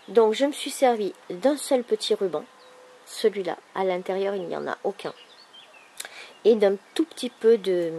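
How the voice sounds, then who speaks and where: A woman with a thick, swollen-tonsils sore-throat voice, speaking softly and casually as she presents a craft project. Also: mid-range voice. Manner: soft-spoken, holding back volume. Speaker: craft video maker presenting an album. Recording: clearly noisy background ambience.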